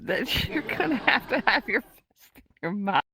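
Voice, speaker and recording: A woman co-hosting a casual, flirty chat show, giggly and mock-innocent with drawn-out replies. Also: medium pitch, very animated, a crowd in the background. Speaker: podcast co-host.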